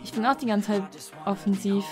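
Brief: excitable woman gaming host on headset, mid pitch, loud music bed. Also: brisk. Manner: excitable, laughs often, teasing. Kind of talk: casual let's play commentary. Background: background music.

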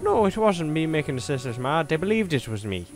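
A man's voice: on the high side, very animated, brisk, soft background music, voice pushed up. A man puts on a lanky skeleton in a top hat from a spooky video game, with a put-on Irish lilt. He is sly, chummy and theatrical, voice raised well above the man's own. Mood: persuasive.

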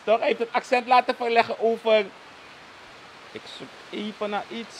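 A man's voice: very high-pitched, little pitch movement, moderate pace, a little hiss or hum. A man with a Surinamese Dutch accent, a guest commentator on a live interview show, who tags nearly every sentence with a questioning "toch?" and mixes in Sranan phrases.

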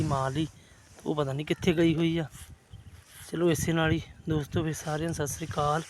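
A man with a Punjabi accent and a fairly high voice chats casually for an outdoor vlog. He coaxes tenderly, repeating short calls and little exclamations. There is light outdoor noise on the phone recording. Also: a little mellow. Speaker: vlogger feeding stray puppies. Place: outdoors in the open.

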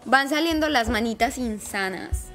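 High-voiced chatty woman streamer. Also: measured pace, fairly bright tone, soft background music. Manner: chatty, affectionate, greets viewers by name. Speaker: game live streamer. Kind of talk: casual live-stream chat while playing.

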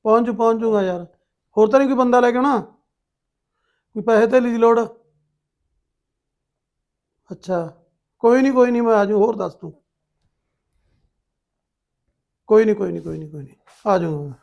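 A brusque village husband with a Malwa Punjabi accent, played by an actor. His voice sits high for a man. He speaks plainly and reassures in a gruff way. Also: a little fast, pauses often, a little mellow. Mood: calm. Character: village husband, busy with local politics. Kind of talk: village short-film acting.

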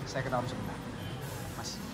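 An actor playing a pushy, smarmy marriage official who hints at bribes, with sly chuckles. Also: male voice, medium pitch, a little fast, very noisy, lightly acted. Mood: wheedling. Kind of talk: film drama.

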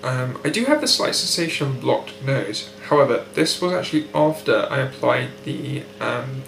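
Keeping a video diary of his recovery, this young British patient sounds nasal from a blocked nose after surgery, with a creaky, fairly bright, mid-range voice and lively intonation. His speech is precise, articulate and unhurried. He sits indoors at home by a window, recorded close on a built-in webcam mic in an echoey room with faint hum.

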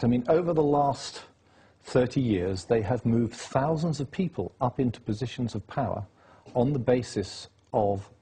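As a guest in a political interview, a man insistently lays out his case, reeling off dates and facts. His voice sits at medium pitch, warm with a breathy edge.

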